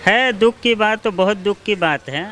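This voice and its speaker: A man's voice: high voice, moderate pace, sharp tone, a little hiss or hum. A male shopkeeper answering a reporter's questions in the street, earnest and agreeable. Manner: earnest, repeats agreement words. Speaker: shopkeeper interviewee.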